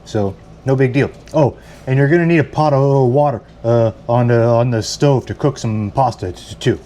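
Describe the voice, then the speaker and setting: A man's voice: mid-range voice, normal speed, dark tone, slight background noise. A man talking casually through a home recipe, stammering and repeating words as he goes, rambling and self-deprecating. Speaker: home cook. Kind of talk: casual cooking vlog.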